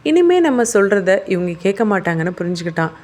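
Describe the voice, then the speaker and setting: A woman narrating a crime thriller audiobook in a steady, even storytelling manner. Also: medium pitch, a little fast.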